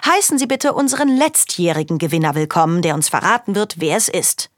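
A woman's voice: fairly low pitch, lively intonation, brisk, no room sound, studio quality, natural voice. A woman voicing a cheesy male talent show host with a showy announcer delivery.

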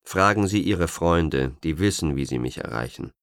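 A man's voice: extremely low pitch, moderate pace, creaky, no room sound, clean studio sound, heavily acted. A man voicing a cold, menacing stranger who speaks with an indifferent, almost toneless delivery. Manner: flat, emotionless delivery.

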